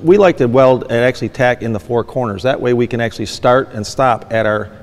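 A man's voice: medium pitch, a little fast, faint music behind. Man teaching in an echoing workshop. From Michigan. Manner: plain, practical, repeats "actually" often. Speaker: fabrication shop owner demonstrating welding. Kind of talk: instructional demonstration. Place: large indoor workshop.

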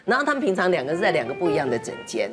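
Brisk chatty woman confiding a story. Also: lowish voice, big pitch swings, over music. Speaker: guest. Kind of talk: casual anecdote on a talk show.

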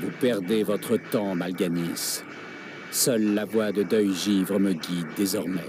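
An actor playing a grim, vengeful young warrior prince in a video game, speaking in a solemn, declamatory way. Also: male voice, low voice, fairly even intonation, slow. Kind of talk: dubbed video game acting. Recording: game audio with clear background noise.

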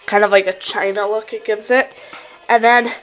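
A teenage girl with a New York accent films a casual show-and-tell vlog on a handheld camera in her bedroom at night, chatting and rambling about her model horse hobby with lots of fillers. Her medium-pitched voice is a bit bright with fairly even intonation at normal speed, and the poor audio has a little hiss or hum.

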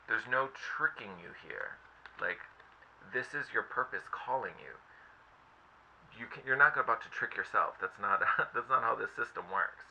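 A man reads tarot cards in an eager, gushing, conversational way, full of little fillers. His voice is fairly low with a gravelly fry and a very bright, forward edge. The audio is a bit dull and lo-fi, with a faint hiss behind him. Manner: enthusiastic, effusive, chatty with many fillers. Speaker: tarot reader. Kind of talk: casual spoken tarot reading.

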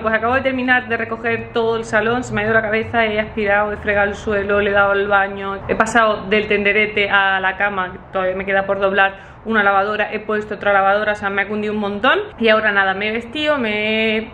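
A woman's voice: mid-range voice, a bit bright, a little hiss or hum. A woman in her thirties from Spain with a Spanish accent, chatting casually to a handheld camera at arm's length in her daily vlog. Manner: chatty and fast, lots of "súper" emphasis. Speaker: vlogger. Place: outdoors on streets, then small apartment indoors.

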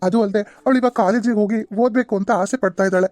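A woman voicing a calm, caring young husband in a cartoon serial, with a soft, reassuring way of explaining. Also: medium pitch, very fast, no room sound, studio quality, close to an everyday voice. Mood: gentle.

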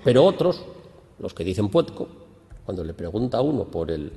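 A man's voice: lowish voice, normal speed, creaky. A man giving an academic lecture, explaining patiently and lifting his voice when he acts out questions. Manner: explanatory, lively emphasis on questions. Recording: long hall reverb.

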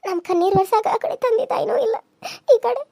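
A woman's voice: very high voice, brisk, gravelly, mellow, no echo, studio quality. A woman voicing a young widowed village mother who pleads and sobs as she complains, with a North Karnataka accent. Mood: sobbing. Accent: North Karnataka Kannada. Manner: tearful, pleading, sobbing complaint. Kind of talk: cartoon serial dialogue.

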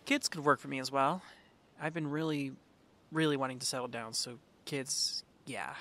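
A man's voice: medium pitch, moderate pace, pushed and bright. A man playing an earnest young superhero and devoted boyfriend in an ASMR roleplay, hesitant and affectionate. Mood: earnest, tender.

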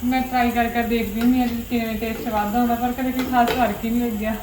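A woman's voice: on the high side, little pitch movement, fast. A young woman chatting casually and expressively as she vlogs her cooking at home. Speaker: family vlogger. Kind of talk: casual chat while cooking. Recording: roomy echo, faint background noise.

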